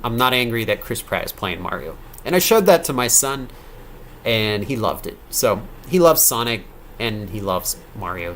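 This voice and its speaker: Man, 30s, low voice, game developer, live-stream Q&A, tired, late night, rambling, faint hiss. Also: a bit bright. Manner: rambling, self-correcting, reads donor questions aloud. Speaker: game developer answering live chat questions.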